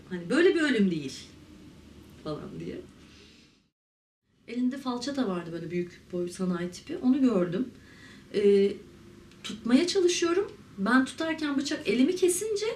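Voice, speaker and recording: A woman in her thirties from Turkey, an interviewee telling her own story in a candid, reflective way with halting fillers. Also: on the high side, a little hiss or hum. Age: 30s. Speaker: interviewee, ceramic artist. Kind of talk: personal testimony to camera. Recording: roomy, mic at a distance, faint ambience.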